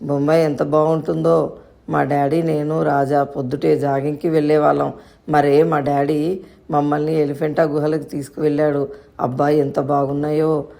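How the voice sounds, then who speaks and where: A woman's voice: sits low, level tone, moderate pace, vocal fry, mellow. Woman voicing an eager innocent little boy. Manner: questioning, rambling storytelling.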